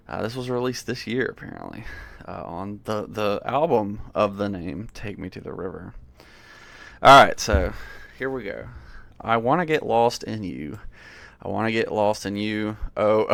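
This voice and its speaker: A low-pitched man from the American South picks apart worship lyrics in casual commentary. His voice is gravelly, and he sounds amused and incredulous. The recording is dry and close. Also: a bit bright, no echo. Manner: amused, incredulous, frequent laughs and fillers. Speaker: worship music critic.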